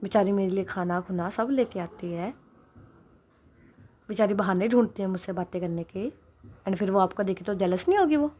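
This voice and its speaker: A woman narrator putting on a playful young woman, light and teasing. Her voice sits in a middle register and stays bright and chatty, in storybook fashion. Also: medium pitch, normal speed, pauses often, natural voice.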